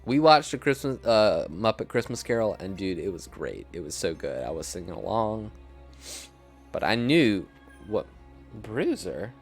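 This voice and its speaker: A man's voice: lowish voice, big pitch swings, unhurried, faint music behind. A young man chatting casually and rambling in a self-deprecating way as he plays a video game. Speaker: streamer. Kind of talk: casual gameplay commentary.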